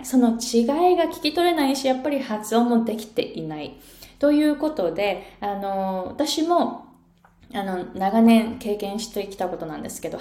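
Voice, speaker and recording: Animated woman pronunciation coach, echoey room. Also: medium pitch. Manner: animated, coaxing, explains with sound-play. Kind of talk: online pronunciation lesson.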